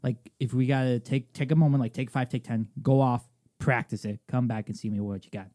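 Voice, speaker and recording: A young man co-hosting a podcast in casual chat, excitable, stumbling and repeating words as he talks. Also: mid-range voice, brisk, dry recording, clean studio sound. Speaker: podcast co-host.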